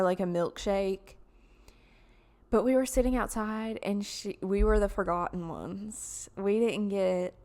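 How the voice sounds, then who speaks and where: A woman's voice: mid-range voice, a little mellow. A young woman, hosting a casual solo podcast in a rambling, chatty way full of fillers. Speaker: podcast host.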